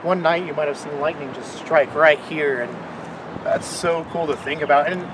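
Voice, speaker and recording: A man's voice: fairly high pitch, moderate pace, noisy background. A man co-hosting an exploration vlog, presenting chattily and enthusiastically while standing outdoors on a neighborhood street. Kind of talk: casual on-location presenting. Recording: distant voice with music bed.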